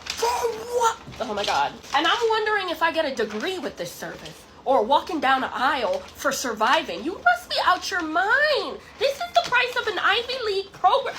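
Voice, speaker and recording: A woman rants dramatically into a vlog, swearing and raising her voice. Her pitch runs very high, and faint background noise sits under her. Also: very animated, moderate pace, hardly any pauses. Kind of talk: angry vlog rant.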